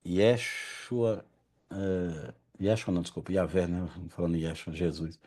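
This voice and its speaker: A man's voice: low voice, fairly even intonation, measured pace, warm tone. A man leading an informal religious study group, often stopping to correct himself and admitting he struggles to pronounce Hebrew names. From Brazil.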